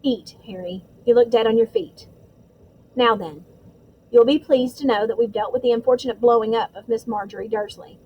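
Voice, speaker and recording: A woman's voice: moderate pace, dull audio, a little hiss or hum, close to an everyday voice. A woman doing a pompous, testy middle-aged official. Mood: reassuring. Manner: low, clipped, pointed and testy.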